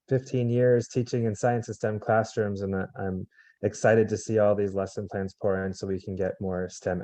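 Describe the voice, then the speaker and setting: A man, a veteran teacher, calmly explaining lesson plan requirements in a webinar over a video call. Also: fairly low pitch, no echo. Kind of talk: webinar briefing.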